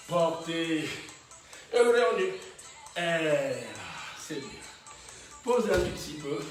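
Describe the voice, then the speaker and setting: A man's fairly high voice calls out a workout in short encouraging cues, with a chuckle here and there. He talks slowly. He is heard from a distance in a very echoey room, with faint music behind him. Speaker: fitness instructor. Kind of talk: workout class instruction.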